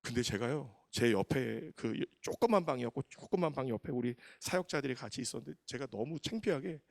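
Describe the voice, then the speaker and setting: Male pastor, 30s, fast, gravelly, animated storytelling sermon. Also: medium pitch, no room sound, clean studio sound. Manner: animated, emotional storytelling with acted quotes.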